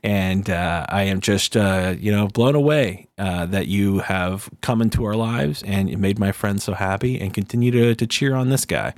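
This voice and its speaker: A man's voice: fairly low pitch, normal speed, few pauses, darkish tone, no echo. A man talking casually and earnestly as the host of a solo podcast, close on the microphone.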